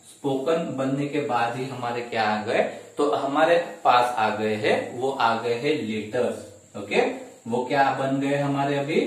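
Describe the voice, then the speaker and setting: Guy teaching grammar for exams, keeps repeating stuff and saying okay, mic far off in a really echoey room. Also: mid-range voice. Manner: repeats points, asks and answers own questions, says "okay" often. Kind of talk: exam-prep grammar lesson.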